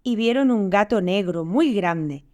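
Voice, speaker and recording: A woman's voice: mid-range voice, expressive, a little slow, a little mellow. A woman reading a folk tale aloud, changing her voice for each animal. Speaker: storyteller.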